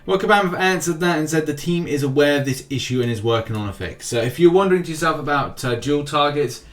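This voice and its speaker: He talks fast with lively intonation, and his voice is fairly high and fairly bright. As host of a mobile game news channel, he walks viewers through the latest gaming news in an easygoing, talkative style, adding jokes and a bouncy, emphatic cadence over background music.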